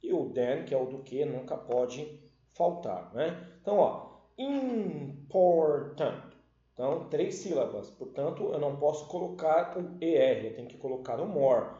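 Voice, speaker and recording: A man's voice: medium pitch, animated, mellow. A Brazilian man teaching English grammar in an online class, checking in often with his students and spelling out endings letter by letter. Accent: Brazilian Portuguese. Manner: explains slowly, often checking with "né?" and "certo?". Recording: lo-fi echoey room recording.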